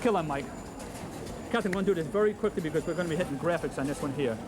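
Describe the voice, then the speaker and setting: A man as a high-voiced craps instructor, on worn VHS tape. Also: very fast, noisy background. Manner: drills odds patiently, checks in with "okay?". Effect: worn VHS tape copy. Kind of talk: instructional video teaching. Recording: music underneath, old tape copy.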